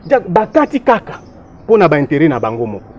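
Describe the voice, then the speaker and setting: A man's voice: fairly high pitch, huge pitch swings, brisk, a little mellow, muffled recording. A man from DR Congo, giving emphatic, lecturing political commentary in a discussion and running through lists of places and dates.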